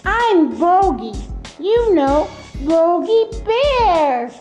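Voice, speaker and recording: Tiny teddy bear puppet, very high and very slow, eager, in an echoey room with faint music. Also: big pitch swings, darkish tone, full character voice. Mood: cheerful. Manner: eager, wide-eyed.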